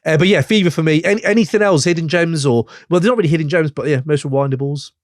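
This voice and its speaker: A man's voice: quick pace, no room sound, studio quality. A man co-hosting a music podcast, talking casually and swearing often. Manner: animated, swearing, mimics lines with big pitch jumps. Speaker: podcast co-host. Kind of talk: casual chat.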